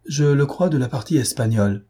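A man's voice: medium pitch, lively intonation, a little fast, mellow, breathy edge, voice pushed up. A man voicing a flustered, pompous middle-aged financier who talks in an agitated, lugubriously confidential way. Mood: alarmed indignant.

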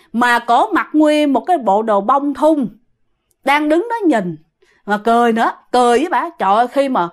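Speaking in a voice that sits high, a Southern Vietnamese woman recounts a ghost story in a relaxed way and keeps turning to address her audience.

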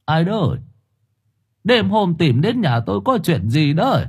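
A husky-voiced man voicing an elderly male coffin maker of about seventy, asking startled questions. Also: on the high side, big pitch swings, measured pace, pitched above the performer's own voice, full character voice. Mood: puzzled.

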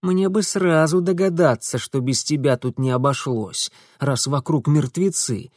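A man playing a curt, barking young gentleman. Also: on the high side, measured pace, no room sound, clean studio sound. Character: young gentleman, gruff and blunt.

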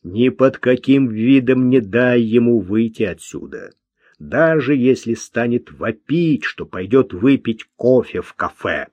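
A man's voice: medium pitch, lively intonation, unhurried, a little mellow, no room sound, muffled recording. A man voicing a nervous, irritable man who gives curt orders, in an audiobook. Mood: commanding. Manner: curt and commanding.

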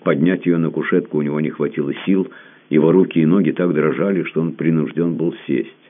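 A man narrating a literary audiobook in a dramatic, expressive reading. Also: very deep voice, fairly quick. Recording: narrow phone-like band.

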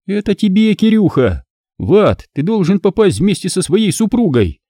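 A sneering, spiteful young woman, put on by a male narrator, taunts in a raised, lively voice. She mocks with wide swings of pitch. The sound is close and dry. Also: normal speed, no echo. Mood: gloating mockery. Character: spiteful scheming young woman, mocking and shrill.

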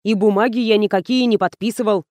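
Woman reading as a rough grumbling driver. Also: medium pitch, steady tone, fast, darkish tone, dry recording, studio quality, natural voice. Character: rough, slow-witted middle-aged male driver, grumbling.

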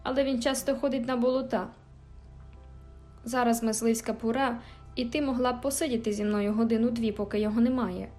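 A woman's voice: fairly high pitch, fairly even intonation, brisk, mellow, close to an everyday voice. Storybook sick boy, petulant and spiteful, voiced by a woman, faint music under. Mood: wheedling. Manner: whiny, petulant, taunting. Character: sickly, spoiled, spiteful teenage boy.

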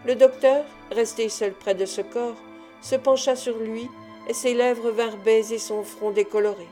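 A woman giving a measured, expressive audiobook narration. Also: fairly high pitch, soft background music. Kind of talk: scripted literary narration.

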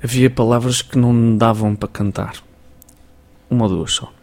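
A young man with a European Portuguese accent, a musician guest chatting casually in a radio interview, animated and full of verbal tics. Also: mid-range voice, moderate pace. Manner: chatty, animated, repeats "estás a perceber".

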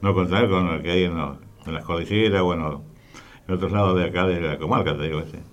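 A man with an Argentine Spanish accent co-hosts a radio show, telling rambling, colloquial stories and tossing in "¿viste?". His voice is low and quick, and the recording sounds muffled.

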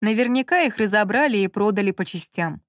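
A woman's voice: medium pitch, expressive, fairly quick, a bit bright, no room sound, studio quality, natural voice. A woman reading an audiobook and voicing a curt, impatient man who scolds and teases his partner. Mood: dismissive. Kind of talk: audiobook character voice.

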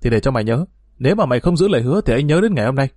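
A man voicing a furious teenage schoolboy who scolds his friend in rapid bursts, read from a storybook. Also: medium pitch, animated, a little mellow, dry recording, studio quality, lightly acted. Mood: blunt. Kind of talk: storybook reading.

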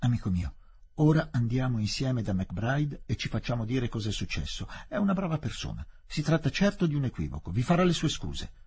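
Man reading a calm, decisive Englishman. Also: mid-range voice, brisk, breathy edge, heavily acted. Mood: firm. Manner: firm, reassuring.

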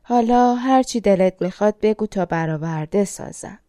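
A woman reading the lines of a proud, quick-tempered king in a storybook, close to her own mellow voice. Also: medium pitch, no room sound, lightly acted. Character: proud middle-aged male king, quick to anger.

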